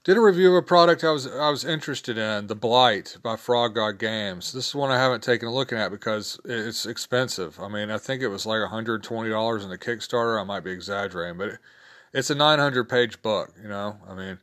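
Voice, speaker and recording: A man hosting a casual solo podcast, sounding weary and worn down, talking in an informal, halting, rambling way. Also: lowish voice, fairly bright tone. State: weary, worn down from a sore back. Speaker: podcast host.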